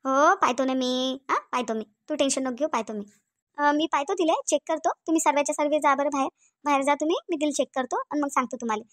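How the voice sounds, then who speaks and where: A woman voicing a calm older village midwife with a Varhadi Marathi accent, who speaks in a soothing, firm way. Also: high-pitched, fast talker, no echo. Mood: reassuring.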